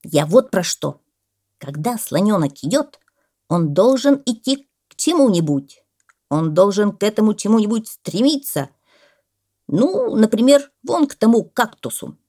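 A woman voicing a pompous male parrot who lectures loudly and exclaims often. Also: medium pitch, sing-song, measured pace, voice pushed up. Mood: lecturing.

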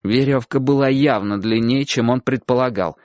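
A man narrating a storybook in a lively, expressive reading voice. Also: mid-range voice, normal speed, no echo, studio quality.

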